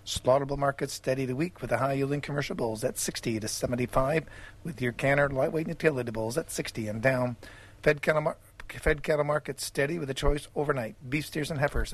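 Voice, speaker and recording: A man's voice: mid-range voice, fast. A man reading a farm radio livestock market report, reeling off prices.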